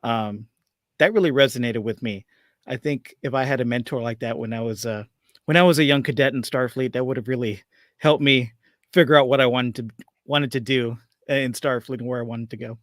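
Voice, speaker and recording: A man's voice: mid-range voice, a little fast, dry recording, clean studio sound. A man co-hosting a podcast, chatting casually and a bit ramblingly as he reviews an episode. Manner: relaxed, rambling, peppered with "like" and "kinda". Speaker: podcast co-host.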